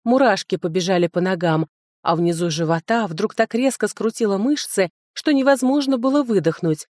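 A woman narrates a first-person audiobook in an even, measured reading voice. Her pitch sits in the middle range. The sound is dry and close. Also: dry recording.

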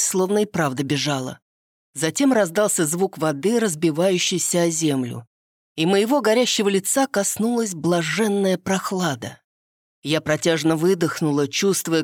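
A woman narrating an audiobook in the first person with an expressive storytelling delivery. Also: low-pitched, no echo, clean studio sound.

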